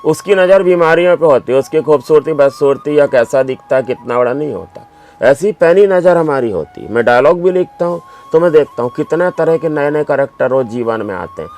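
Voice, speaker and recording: A man's voice: a little high, expressive, fairly quick, darkish tone, faint music behind. A man who is a doctor and writer, answering interview questions with emphatic, anecdotal storytelling.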